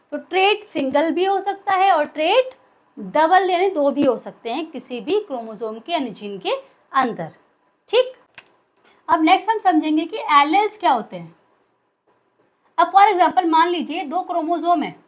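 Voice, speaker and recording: High-voiced woman teaching biology. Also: muffled recording. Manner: asks questions then answers them herself. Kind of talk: classroom lecture.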